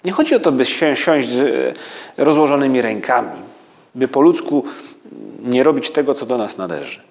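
A man preaching a spiritual meditation, speaking slowly and reflectively, with halting pauses. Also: mid-range voice, lively intonation.

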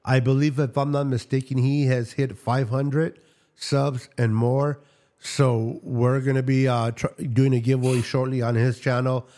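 A male podcast host in easygoing banter, laughing often and teasing his co-hosts. He slips bits of Spanish slang into his talk, and his voice sits at an ordinary middle pitch. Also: mellow.

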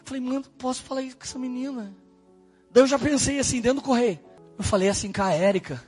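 A high-pitched, husky male pastor preaching a personal testimony, with faint music under his voice. He tells it in an animated way, bursting into shouts and then dropping low and hushed. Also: fast talker. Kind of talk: sermon testimony.

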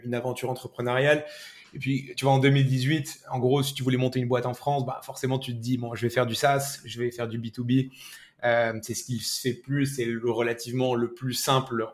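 Flat-toned founder explaining his startup. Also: mid-range voice. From half American. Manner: steady and explanatory, with many English loanwords. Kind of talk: interview answers.

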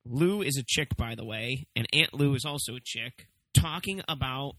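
A man's voice: mid-range voice, expressive, normal speed, fairly bright tone, no echo, rough recording. A man hosting a casual, comedic review, talking emphatically and swearing freely as he stresses his points. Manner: emphatic, profane, swooping for stress. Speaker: movie review show host.

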